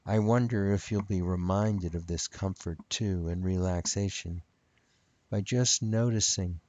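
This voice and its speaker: Slow, deep-voiced man guiding hypnosis. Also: darkish tone, no echo, lo-fi sound. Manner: soothing, repetitive, measured phrasing. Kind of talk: guided hypnotic relaxation.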